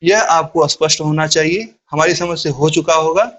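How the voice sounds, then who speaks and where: High-voiced man teaching a grammar lesson. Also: normal speed, fairly bright tone, muffled recording. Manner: explains step by step, asks questions and answers them himself.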